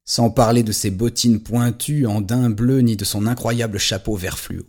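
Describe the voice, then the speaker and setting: A man's voice: fairly low pitch, fairly even intonation, normal speed, darkish tone. A man narrating a story in an audio drama. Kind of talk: scripted narration.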